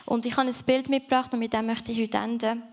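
A woman's voice: a little high, little pitch movement, fast talker. A woman giving an earnest sermon in a church service, speaking directly to the listener and ending in prayer. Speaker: preacher.

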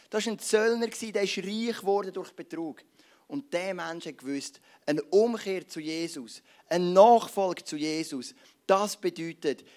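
A man preaching a sermon with a Swiss German accent, conversational and lively, telling stories and asking rhetorical questions. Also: high voice. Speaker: pastor.

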